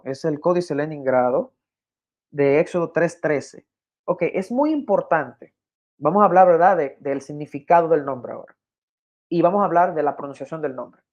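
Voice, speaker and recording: Male guest expert, patient teacher tone, repeats points; a touch high, dull recording. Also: a little mellow. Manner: patient, repeats himself, checks in with "¿ok?". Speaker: guest explaining biblical Hebrew. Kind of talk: teaching over a shared screen.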